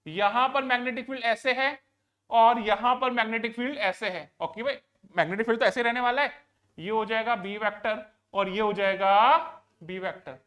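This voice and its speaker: A man's voice: very high-pitched, sharp tone. A man teaching physics to a live class. He asks a question, answers it himself and repeats it, and he coaxes and scolds students to pay attention.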